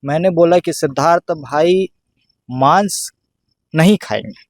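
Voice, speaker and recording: Male panelist, mid pitch, dry close sound, measured and halting explanations. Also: dry recording. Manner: hesitant, restarting, explanatory. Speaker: panel guest. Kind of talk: discussion commentary.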